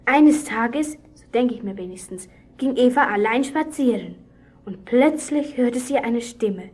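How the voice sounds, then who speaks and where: A woman's voice: on the high side, lively intonation, unhurried, darkish tone, breathy edge. A woman acting a young girl in a children's radio play, earnestly retelling a Bible story to a boy.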